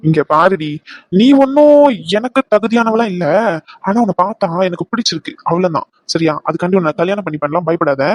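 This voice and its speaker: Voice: mid-range voice, fairly quick, no room sound, lightly acted. Someone voicing a smug cartoon villain. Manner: menacing, condescending. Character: arrogant rich male villain, leering. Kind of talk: cartoon voice acting.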